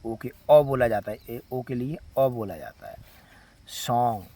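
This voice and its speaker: A man's voice: mid-range voice, very animated, creaky, dark tone. A man with an Indian Hindi accent teaching English letter sounds, repeating example words one by one. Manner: slow, drawn-out word-by-word pronunciation drills. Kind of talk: spoken phonics lesson.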